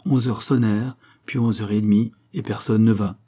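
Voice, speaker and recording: Low, mellow male audiobook narrator. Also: steady tone. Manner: measured, dramatic storytelling. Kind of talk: scripted narration.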